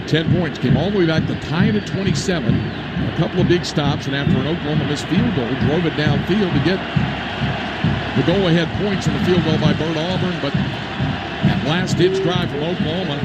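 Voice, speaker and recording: A man doing live radio play-by-play of a football game in clipped, classic ballgame announcer phrases. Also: a little high. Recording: very noisy live outdoor stadium broadcast.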